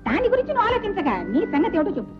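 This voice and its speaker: A domineering middle-aged mother-in-law with a sarcastic, scolding tongue. Her voice sits very high and runs fast. It comes from a dull old film soundtrack with loud music behind. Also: very animated.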